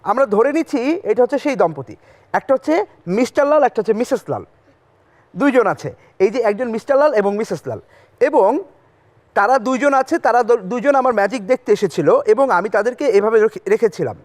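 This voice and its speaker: A man's voice: extremely high pitch, lively intonation, brisk, darkish tone. A man hosting a children's magic show, telling stories and prompting the kids with short questions. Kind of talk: interactive children's stage patter with storytelling. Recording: music playing behind the voice.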